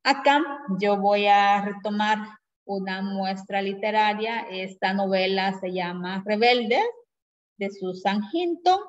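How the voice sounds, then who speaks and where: A woman teacher giving a grammar lesson who explains patiently and keeps checking in with her class through quick tag questions. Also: medium pitch, a little hiss or hum. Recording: dull lo-fi recording.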